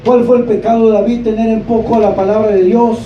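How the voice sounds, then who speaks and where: A male pastor preaching a sermon in a church, asking the congregation questions and rising to shouts. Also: high-pitched, flat delivery, brisk, faint music behind. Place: church sanctuary. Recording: echoey church room, distant mic, dull sound.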